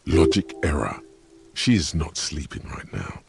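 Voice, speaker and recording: A man playing the knowing, dry narrator of a detective's inner thoughts in a video game, deliberate and deadpan. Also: full character voice. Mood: insistent. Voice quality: very deep, gravelly.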